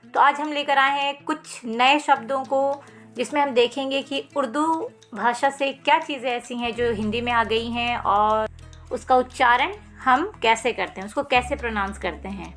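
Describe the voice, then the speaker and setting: A woman teaching language, explaining the pronunciation of sounds and words to children in a patient, clearly enunciated way. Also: a little high, moderate pace, a bit bright, soft background music.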